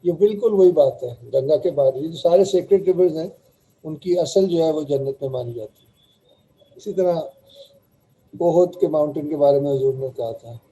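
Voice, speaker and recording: A man leading a study circle discussion in a measured, formal way, often clearing his throat. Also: on the high side, dark tone, poor audio. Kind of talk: discussion moderating.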